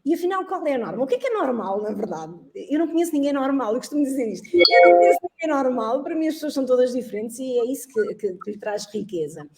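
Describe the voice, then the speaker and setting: A woman's voice: high-pitched, very animated, quick pace, few pauses, music in the background. A middle-aged woman from Angola, a guest in an interview, speaking in an earnest, reflective way and laughing often. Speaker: guest, social entrepreneur and teacher. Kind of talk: interview conversation.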